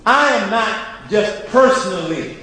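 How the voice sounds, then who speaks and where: High-voiced man preaching in an echoey hall. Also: animated, measured pace, bright, forceful tone. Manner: emphatic, repeats phrases for rhythm, speaks straight to the audience. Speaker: teacher and ministry student giving an address. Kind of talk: preacherly public address. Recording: echoey hall with long reverb.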